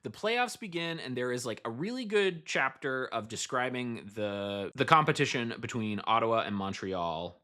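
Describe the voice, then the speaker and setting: A man casually recapping a novel, animated and wry, with frequent swearing. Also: mid-range voice, normal speed, hardly any pauses. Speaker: book reviewer.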